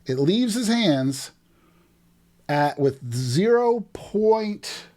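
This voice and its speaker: A middle-aged man narrates game footage like a sports commentator, his pitch leaping and dropping as he drives home each moment. He talks in emphatic bursts, repeating key phrases and restarting as he builds the case. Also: drawn-out words. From New Jersey. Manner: animated play-by-play, emphatic restarts. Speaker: host breaking down game footage.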